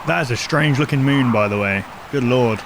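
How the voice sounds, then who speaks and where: Heavy background noise and prominent music surround this medium-pitched male voice, which keeps a moderate pace. A YouTube host reacting to horror videos from viewer recommendations, he thinks out loud informally and keeps asking questions.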